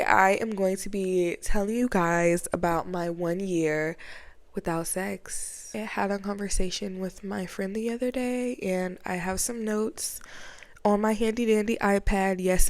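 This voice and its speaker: A vlogger sits down and talks to her camera mic in an unhurried, medium-pitched voice, the recording dry. She's chatty and rambling, full of fillers and slang, and a bit sniffly from a cold.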